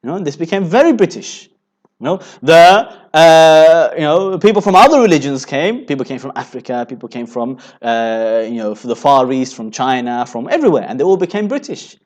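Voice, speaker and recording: A man giving a religious lecture, building rhetorical points and filling pauses with "you know" as he repeats phrases. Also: fairly high pitch, expressive, a little mellow. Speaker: Islamic preacher.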